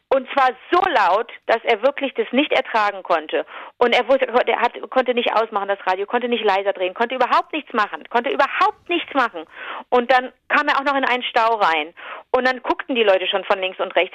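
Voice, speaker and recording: A woman's voice: on the high side, dry recording. Chatty woman spinning a long anecdote. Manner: animated, rambling retelling with many fillers and restarts. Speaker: podcast co-host telling an anecdote. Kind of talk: casual storytelling chat. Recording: slightly dull, dry lo-fi sound.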